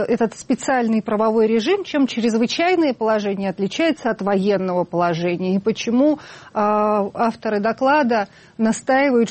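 A woman's voice: medium pitch, darkish tone. A woman hosting a TV rights program, asking polite questions with some hesitant fillers. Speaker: host. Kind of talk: interview on a TV program.

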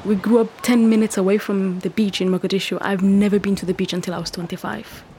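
A woman in her thirties from Somalia, telling her own story in an interview, reflective and quick in places. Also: mid-range voice, level tone, noisy background.

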